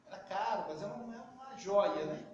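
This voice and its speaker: A man's voice: high voice, brisk, muffled recording. A Brazilian man with a Brazilian Portuguese accent telling stories in a casual talk, acting out the dialogue. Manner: anecdotal, acts out dialogue. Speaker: spiritist speaker. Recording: echoey, distant, faint noise.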